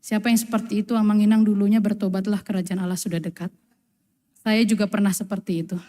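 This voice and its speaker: A woman pastor preaching a lively sermon, acting out the voices in the stories she tells. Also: medium pitch, fast. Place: church. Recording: long church reverb.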